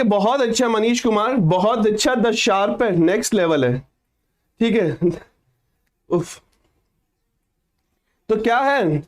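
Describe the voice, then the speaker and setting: A man teaching an online exam-prep English lesson, reading sentences out slowly and then explaining them to students. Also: sits high.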